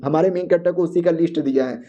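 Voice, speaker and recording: Man, comedic casual story retelling, slangy and jokey, high pitch, muffled lo-fi recording. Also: quick pace, warm tone. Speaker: manhua story narrator.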